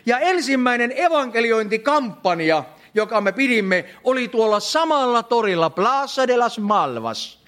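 Emphatic high-voiced male preacher. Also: big pitch swings, hardly any pauses, fairly bright tone. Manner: emphatic, repeats phrases for effect, calls audience friends. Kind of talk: sermon.

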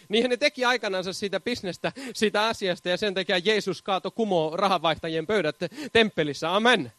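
Fervent male preacher, high and tense, dry close sound, bursts of hallelujah and laughter. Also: a bit bright, dry recording. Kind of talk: charismatic sermon.

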